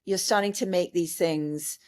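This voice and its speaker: Low-voiced woman podcast host. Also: fairly even intonation, unhurried, a little mellow. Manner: hesitant questions with many "um" and restarts. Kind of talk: casual interview.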